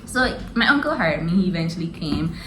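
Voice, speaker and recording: A woman's voice: fairly low pitch, sing-song, brisk, reverberant, background noise. A young adult woman telling a story in a casual, slangy way and laughing often as she goes. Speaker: vlogger.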